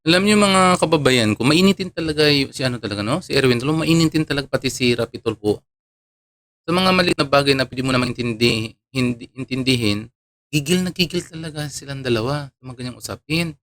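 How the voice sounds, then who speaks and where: Man from palawan, online commentator, chatty, chuckling, mid-pitched. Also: fairly quick, a bit bright. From Palawan, Philippines. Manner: chuckling, chatty, many fillers. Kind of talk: casual commentary.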